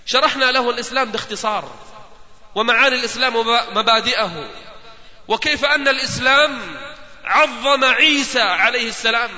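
A man's voice: extremely high pitch, sharp tone. A male preacher telling a story in an impassioned sermon and calling out directly to his listeners. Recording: dull lo-fi sound with long hall reverb.

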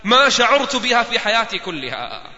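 A male preacher voicing an earnest American soldier, a grown man who speaks in a softer, lower tone than his narration. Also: very animated, normal speed, heavily acted. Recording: dull lo-fi sound with long hall reverb.

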